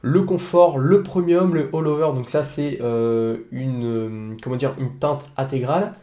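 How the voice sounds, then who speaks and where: A young man talks viewers through a software tutorial from his home office, pausing often with fillers and restarting his sentences. His voice is mellow and relaxed, at a mid pitch. The recording has a roomy, echoey sound. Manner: hesitant, many fillers and restarts. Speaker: online business tutor. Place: home office with a noisy computer.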